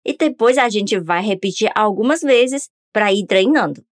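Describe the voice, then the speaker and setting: An upbeat woman leads a pronunciation podcast lesson and prompts the listener to repeat after her. Her voice sits in a middle pitch. The recording is close and dry. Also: lively intonation, moderate pace, no echo. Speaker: language teacher.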